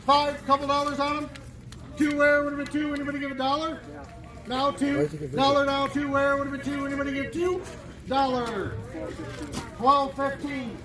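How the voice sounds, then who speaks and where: A man's voice: very high-pitched, level tone, fairly quick. A man working as an auctioneer, repeating bids and asking prices in a singsong chant. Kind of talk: singsong repetitive auctioneer bid-calling. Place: live auction sale. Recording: clearly noisy live auction recording.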